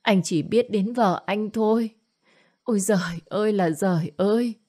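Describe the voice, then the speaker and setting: A woman's voice: medium pitch, unhurried, warm tone, pitched above the performer's own voice, natural voice. Woman doing a nagging old village mother. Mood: wailing. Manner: scolding, nagging, wailing. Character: older village mother, domineering and self-pitying.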